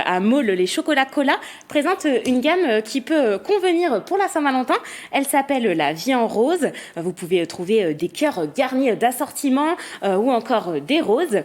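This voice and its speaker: A woman with a fairly high, very lively pitch presents suggestions on a TV magazine segment. She pauses often with hesitant fillers between phrases. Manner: hesitant, many "euh" fillers. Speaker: TV columnist presenting gift ideas.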